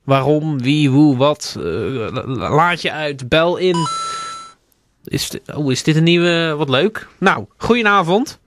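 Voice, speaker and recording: A man's voice: a little high, animated, slow, a bit bright. A man hosting a late-night radio show, taking calls in a playful, teasing way and stumbling over his words.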